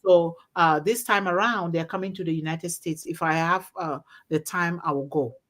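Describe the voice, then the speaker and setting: Speaking at a moderate pace, this discussion host has a voice on the low side, steady in tone yet fairly bright. She is a woman born and raised in Africa, and her informal, fervent storytelling and exhortation lean on repeated phrases for emphasis.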